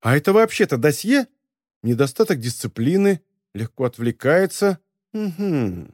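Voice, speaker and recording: A man's voice: fairly high pitch, very animated, moderate pace, darkish tone, no room sound, studio quality. A man voicing a chatty, mischievous invisible teenage girl in an audiobook. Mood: indignant. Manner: playful, mischievous.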